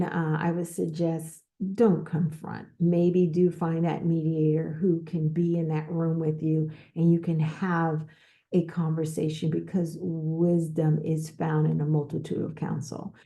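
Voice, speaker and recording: A woman hosting a podcast, giving advice in an unscripted talk, speaking slowly with pauses and repeated words. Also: deep voice, dark tone. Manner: slow, repetitive, with pauses and restarts. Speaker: podcast host.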